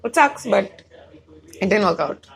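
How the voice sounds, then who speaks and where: With a mid-range, creaky voice, lively intonation and a measured pace, a young Bangalore woman rambles in a casual chat. She's a stand-up comic and comedy writer who speaks Indian English and drifts into Hindi mid-sentence.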